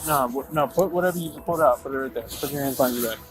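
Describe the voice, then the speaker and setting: A man's voice: mid-range voice, very fast, faint music behind. A male police officer at a roadside traffic stop, firm and procedural. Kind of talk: bodycam conversation. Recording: noisy outdoor bodycam audio.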